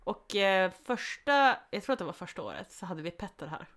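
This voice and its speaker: A young woman in casual chat, relaxed and frank, swearing freely and pausing on fillers while she remembers. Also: medium pitch. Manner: hesitant fillers while recalling.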